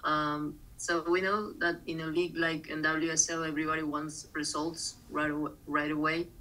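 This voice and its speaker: A reporter asks a polite, careful question at a press conference. The voice is bright and mid-pitched, with little rise and fall. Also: level tone, moderate pace, a little hiss or hum, poor audio. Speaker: sports reporter.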